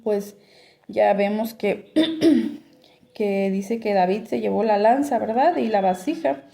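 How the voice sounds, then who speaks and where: A woman leading a beginners' Bible study, explaining passages slowly and checking in with her listeners, often clearing her throat between thoughts. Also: medium pitch, mellow. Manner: keeps asking "¿verdad?" as a check-in, with many filler pauses.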